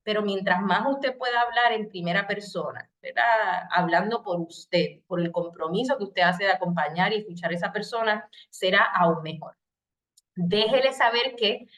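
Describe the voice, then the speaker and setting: A middle-aged Puerto Rican woman with a Puerto Rican Spanish accent, delivering a recorded training lecture. Her voice sits at an ordinary middle pitch, and her talk is patient and explanatory. She slips briefly into short example phrases to show what to say. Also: fairly bright tone. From Puerto Rico. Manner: explanatory, speaks in first person, acts out short example phrases. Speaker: psychologist giving a training session. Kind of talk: recorded lecture on crisis communication.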